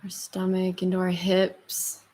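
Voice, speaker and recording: A woman leading a guided meditation as a yoga instructor, in a soft, soothing, slow murmur with long pauses between phrases. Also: on the low side, completely flat delivery.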